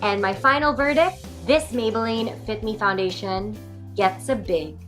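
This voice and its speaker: A woman's voice: mid-range voice, unhurried, a bit bright, soft background music, low-quality recording. A young woman from the Philippines chatting to camera for a beauty vlog, bubbly and chatty, filming with a handheld camera in her car and at home. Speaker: beauty vlogger. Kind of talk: casual vlog chat to camera.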